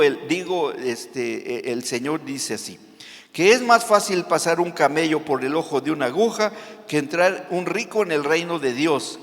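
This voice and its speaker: A man preaching a sermon as pastor, animated, with joking asides and dramatic readings. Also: fairly high pitch. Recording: long hall reverb.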